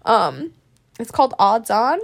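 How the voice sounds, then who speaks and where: A young woman with a fairly high-pitched voice co-hosts a casual chat. She tells stories in a giggly, animated way, laughing often as she talks. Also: measured pace, creaky. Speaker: co-host.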